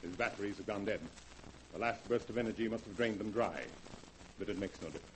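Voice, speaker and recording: An actor playing a scheming lab man with plans to rule the world, speaking in smooth, measured, coldly calm tones in 1940s radio-drama style. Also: fairly low pitch, slight background noise, natural voice, rough recording. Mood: cold menacing. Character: scheming male lab assistant turned megalomaniac, cold and calm.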